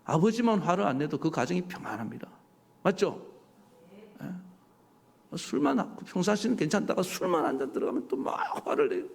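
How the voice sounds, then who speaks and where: A male pastor delivering a sermon, animated and full of rhetorical questions to his congregation. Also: high-pitched, normal speed, gravelly. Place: church sanctuary. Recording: church hall reverb.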